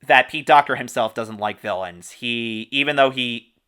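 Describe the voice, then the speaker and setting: Bright, clear-voiced man talking movies. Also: mid-range voice. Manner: enthusiastic, informative, quick asides with laughs. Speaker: podcast host. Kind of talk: casual movie discussion.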